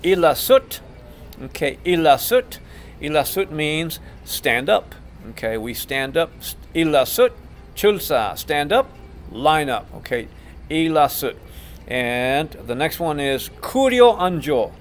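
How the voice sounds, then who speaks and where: Patient middle-aged martial arts instructor. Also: male voice, on the high side, big pitch swings, slight background noise. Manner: patient, repeats each term slowly. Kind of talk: instructional video teaching terms.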